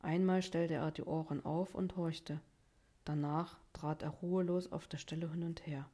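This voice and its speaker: A woman narrating a children's story aloud in a calm, even manner. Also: sits low, normal speed.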